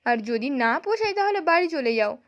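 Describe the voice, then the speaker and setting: Woman reading as a mean in-law lady, scornful, threatening, high pitched. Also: big pitch swings, fairly quick, fairly bright tone, dull audio.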